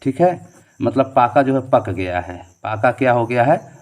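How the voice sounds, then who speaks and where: A man's voice: mid-range voice, animated, measured pace, darkish tone. Man drilling students through quiz questions. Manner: reads each question and its options, then reasons aloud to the answer; repeats key answers as a question-and-answer drill. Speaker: teacher. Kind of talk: exam-prep quiz lesson.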